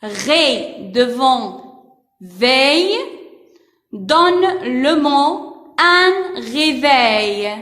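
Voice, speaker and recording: A high-voiced woman teacher leads a reading lesson for first graders, spelling out each syllable with deliberate, repeated care. The recording carries a roomy echo with a long trailing reverb. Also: a bit bright. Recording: echoey room with long reverb.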